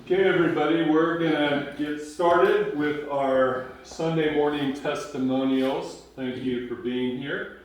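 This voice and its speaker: A man hosts and introduces speakers in a slow, unhurried way, with a few fillers. His voice sounds distant in a very echoey space. Faint noise lingers behind it. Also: a little high, steady tone. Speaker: event host.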